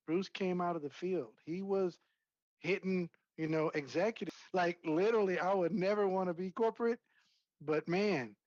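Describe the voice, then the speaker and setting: A man on a video call urging his sales team on in a fired-up, preacher-like pep talk. His voice sits a little high and dry, with a dull, lo-fi sound. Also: no echo. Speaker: company trainer on a video call.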